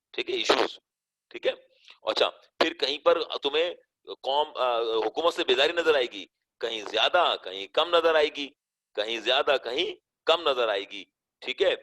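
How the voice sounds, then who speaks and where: A man's voice: sharp tone, rough recording. A male teacher giving an English lesson, explaining in Urdu mixed with English terms and checking with "theek hai?" as he stresses and drags out key words. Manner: emphatic, rising and falling pitch, drawn-out stressed words. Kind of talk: online class lecture.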